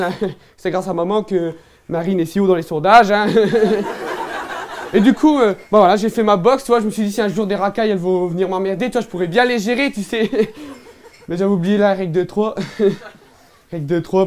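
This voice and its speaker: A man's voice: high voice, fairly quick, darkish tone, lightly acted. A man with a Northern French ch'ti accent playing a boorish young lout in a one-man stand-up show, rambling and slangy with lots of fillers. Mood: brash boastful. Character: boorish young ch'ti man, brash, absurd, loud-mouthed. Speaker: stand-up comedian in character.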